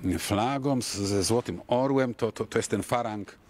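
A man from Silesia answers as a campaign volunteer in an interview. His voice is on the low side, with faint ambient noise behind. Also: normal speed, darkish tone. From Silesia, Poland.

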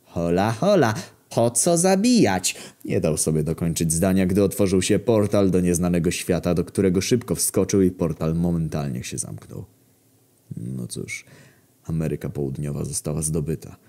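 A man's voice: low-pitched, fairly even intonation, normal speed, warm tone. A man reading a scripted comic story in first person, dry and matter-of-fact with mock-heroic swagger. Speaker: story narrator.

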